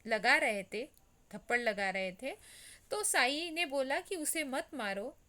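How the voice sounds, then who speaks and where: A woman teacher with a fairly high, bright, ringing voice reads a Hindi story passage line by line. She talks slowly and then explains each line again in plain words. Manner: reads a line, then explains it simply, often with "yani" and "jaise". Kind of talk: reading and explaining a Hindi lesson.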